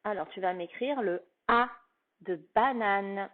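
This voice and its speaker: A woman's voice: mid-range voice, slow pace. A woman teacher giving a phonics lesson to a young child, with patient, carefully articulated speech. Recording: tinny phone-like sound.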